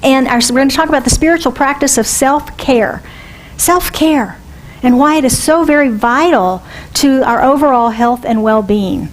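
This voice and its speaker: Conversational woman minister, higher voice. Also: moderate pace, a little hiss or hum, poor audio. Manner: conversational, asks the congregation questions. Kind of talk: sermon. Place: church sanctuary.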